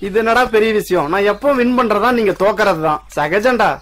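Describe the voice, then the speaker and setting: A man's voice: high-pitched, animated, a little fast, a bit bright. A man playing a confident young male college student in a film. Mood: boastful. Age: young adult. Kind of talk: film dialogue.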